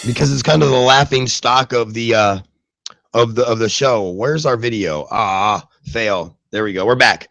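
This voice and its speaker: A man's voice: mid-range voice, normal speed, vocal fry, a bit bright, no echo, soft background music. A male host of a live web radio show, who grew up in the southwestern US and Germany, talks loosely with lots of fillers and self-mocking jokes.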